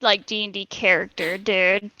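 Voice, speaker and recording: A woman's voice: medium pitch, fairly even intonation, normal speed, pushed and bright, no room sound, poor audio. A woman playing a tabletop game, joking and swearing casually. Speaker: player. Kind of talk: casual chat.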